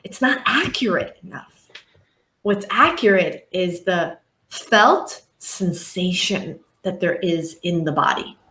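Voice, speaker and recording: This podcast interview features a female life coach whose voice sits on the low side, bright and forceful, delivered slowly in a reverberant space. She is earnest and reflective and voices her clients at times.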